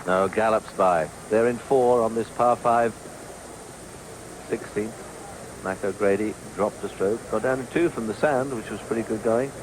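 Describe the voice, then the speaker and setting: Low-voiced understated golf commentator, noisy broadcast. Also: male voice, unhurried. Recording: noisy outdoor 1980s TV broadcast.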